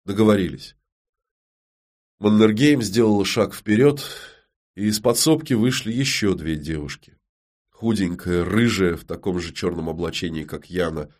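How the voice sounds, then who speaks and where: Deep-voiced male audiobook narrator. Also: moderate pace, darkish tone. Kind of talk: scripted narration.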